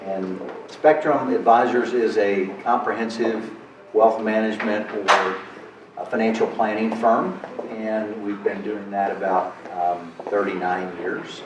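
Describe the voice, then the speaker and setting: A man introducing himself as a financial planner on a panel, relaxed and friendly, in a meeting room. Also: fairly low pitch, measured pace. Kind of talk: casual self-introduction. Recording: echoey room from far off, noticeable noise.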